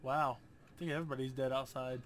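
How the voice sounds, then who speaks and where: A man's voice: medium pitch, fairly even intonation, fast talker, a bit bright, a little hiss or hum. A young man casually commenting on a game he plays, sarcastic and jokey, with a lot of swearing. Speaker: gamer. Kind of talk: casual let's-play commentary.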